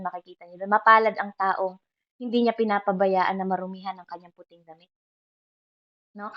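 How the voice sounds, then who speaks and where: Woman preacher in a sermon, higher pitch, keeps checking in with the congregation, somewhat muffled recording. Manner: speaks in Filipino mixed with English phrases, asking the listeners for agreement often.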